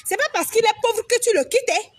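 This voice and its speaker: A woman's voice: extremely high pitch, expressive, a little fast, dry recording. A young woman from Togo, giving blunt, repetitive, preachy advice straight to her viewers and swearing freely. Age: young adult. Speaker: vlogger. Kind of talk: direct-to-camera advice monologue.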